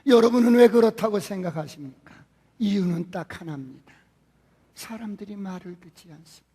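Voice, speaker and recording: A male pastor preaching a sermon, asking many rhetorical questions and swinging between quiet and loud. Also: high-pitched, brisk, slightly rough. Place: church sanctuary. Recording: long church hall reverb.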